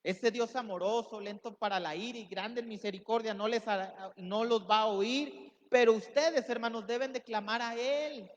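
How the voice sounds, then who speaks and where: A man's voice: high-pitched, fairly even intonation, normal speed. A man giving a sermon as pastor, preaching with emphatic rises and acting out quoted voices. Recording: dull sound with long hall reverb.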